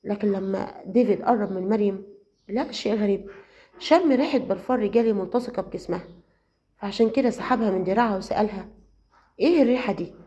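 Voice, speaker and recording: A woman with an Egyptian Arabic accent narrating a dramatic serial story in a steady way. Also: mid-range voice, quick pace. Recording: slightly muffled lo-fi audio.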